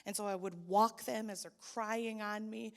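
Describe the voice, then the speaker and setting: A woman's voice: mid-range voice, steady tone, moderate pace. A young adult woman sharing a personal testimony at church, telling her story and acting out the people in it. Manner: storytelling, voices quoted people, grows loud and pleading. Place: church hall. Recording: long hall reverb.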